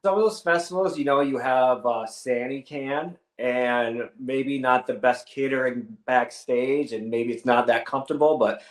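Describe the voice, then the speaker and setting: A man's voice: mid-range voice, measured pace, hardly any pauses. A man chatting casually as a musician guest in an interview. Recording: roomy, echoing sound.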